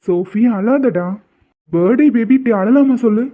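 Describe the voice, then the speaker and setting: A performer voicing a caring, affectionate young husband in a cartoon, speaking gently and soothingly. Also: medium pitch, moderate pace, natural voice. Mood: gentle. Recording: tinny phone-like audio.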